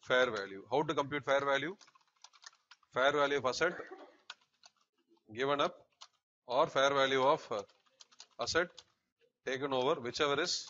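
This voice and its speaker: A man's voice: mid-range voice, pushed and bright. A middle-aged man with a Tamil South Indian accent, lecturing and dictating notes as an accountancy teacher, often checking on the class with short questions. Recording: slightly noisy, muffled recording, keyboard clicks.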